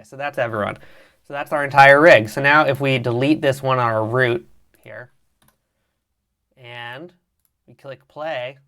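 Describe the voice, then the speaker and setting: A man presenting a live 3D animation tutorial, with a slight vocal fry and frequent throat clearing, narrating each click and step as he works. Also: medium pitch, a bit bright. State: keeps clearing his throat. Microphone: mic with problems on a livestream.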